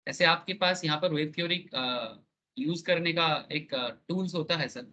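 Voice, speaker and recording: A man teaching a live online class. His voice sits high and sounds bright and forward. He keeps checking that the students follow and leans on homely analogies. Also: moderate pace, dull audio, slight background noise.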